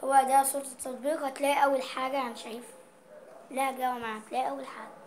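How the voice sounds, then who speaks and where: Racing along in a high, level voice, an Egyptian-accented woman vlogs casually and playfully. She reads dialect words out loud and explains them.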